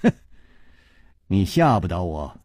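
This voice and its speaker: A male storyteller voicing a calm, clever hero who answers quietly with a wry smile. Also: low voice, takes it slowly, dry recording, studio quality, full character voice.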